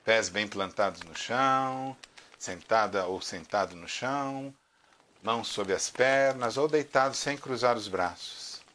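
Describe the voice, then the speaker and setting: A man leading a guided relaxation meditation, giving slow, soothing instructions with long pauses. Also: lowish voice, sharp tone, a little hiss or hum. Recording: music playing behind the voice. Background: background music.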